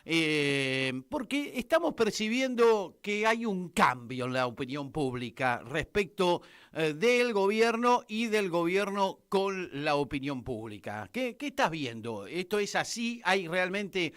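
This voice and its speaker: A man with an Argentine accent hosting a political radio show, emphatic and filling pauses with "eh" and "este". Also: high voice, sing-song, a bit bright, clean tone, dry recording, clean studio sound. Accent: Argentine Spanish. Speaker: radio host. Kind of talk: political radio commentary and interview.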